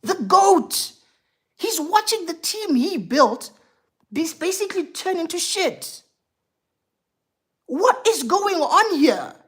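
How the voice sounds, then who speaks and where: A woman's voice: very high-pitched, sing-song, slow, long pauses. A woman hosting a football live stream, ranting heatedly and profanely about her team and replying to viewer chat. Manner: reads out viewer chat and replies. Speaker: football livestream host.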